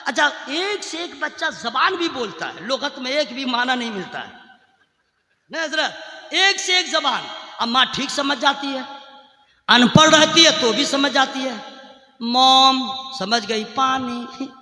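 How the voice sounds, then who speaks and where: Shouting preacher in an echoey hall. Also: male voice, very high voice, expressive, unhurried. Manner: swings between loud chanted shouting and quiet conversational asides; chants Quranic Arabic in a sung tone. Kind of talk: sermon. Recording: echoey hall with long reverb.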